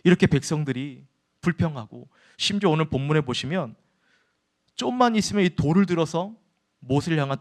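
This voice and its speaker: Korean pastor preaching to his congregation. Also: a little high. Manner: addresses the congregation often, asks questions and answers them. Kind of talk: sermon. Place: church.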